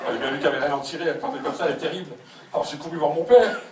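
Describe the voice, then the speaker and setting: A man's voice: a little high, rapid-fire. Man doing mock-whiny stand-up on a distant stage. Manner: plays a fifty-two-year-old overgrown son, mock-whiny, acts out both parents. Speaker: stand-up comedian. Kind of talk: live comic monologue in character. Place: theater stage with audience laughter. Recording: echoey live stage from a distant mic, loud audience noise.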